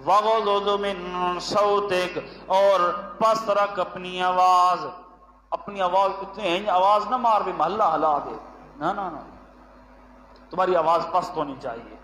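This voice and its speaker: A man with a Punjabi accent preaching a sermon, chanting Arabic verses slowly and then explaining them with emphatic repetition. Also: high voice, bright, forceful tone. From Pakistan, Punjab. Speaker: religious scholar giving a weekly lesson. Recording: echoey hall with long reverb, faint ambience.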